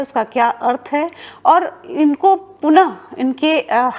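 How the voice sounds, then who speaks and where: A woman giving an exam-prep lecture on library science, explaining step by step, mixing English terms into Hindi and pausing on fillers. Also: high-pitched.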